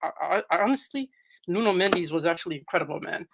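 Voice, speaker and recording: A man's voice: high-pitched, expressive, fast, vocal fry, a bit bright, slight background noise. A man giving casual post-match football analysis as a pundit, slangy and repeating himself for emphasis.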